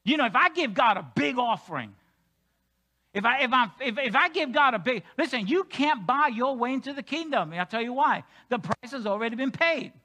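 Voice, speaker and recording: A male senior pastor preaches a sermon in church with a very high voice and a brisk pace. He's animated, moving between loud, emphatic stretches and quiet joking asides.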